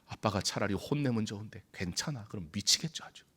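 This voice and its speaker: A male pastor delivers a Sunday sermon in a church sanctuary. His voice is bright and forceful, and his pitch rises and falls in lively swings. He pulls back to hushed whispers and acts out short exchanges between people. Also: quick pace, slightly rough. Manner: animated, swings from loud outbursts to hushed whispers.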